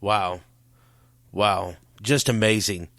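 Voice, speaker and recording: Man, low voice, podcast co-host, reflective, dry close sound. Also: fairly even intonation, slow, a bit bright, no echo. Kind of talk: casual chat.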